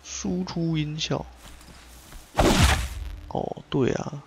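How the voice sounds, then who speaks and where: A man's voice: fairly high pitch, fairly even intonation, drawn-out words, vocal fry, highs cut off, background noise. A man streaming a game live, muttering to himself and cursing as he fiddles with his settings. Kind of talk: live gameplay stream chat.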